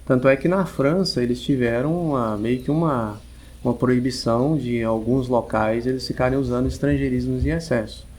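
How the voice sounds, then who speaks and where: A man with a Brazilian Portuguese accent, an English teacher giving long, measured explanations as a podcast guest, often restarting his sentences. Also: mid-range voice, darkish tone, slight background noise. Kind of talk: podcast interview.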